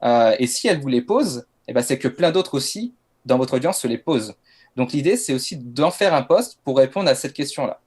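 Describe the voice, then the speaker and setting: A man's voice: mid-range voice, animated, a little fast, darkish tone, slightly rough. A French man presenting a masterclass on writing social media posts, casual and hesitant with frequent fillers. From France. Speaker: LinkedIn content coach.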